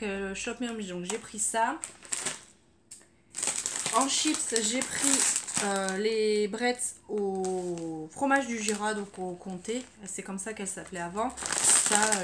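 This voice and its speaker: Speaking at medium pitch over a little hiss or hum, a woman from France walks viewers through her grocery haul in a relaxed chat. She uses lots of fillers and lets sentences drift off with "voilà".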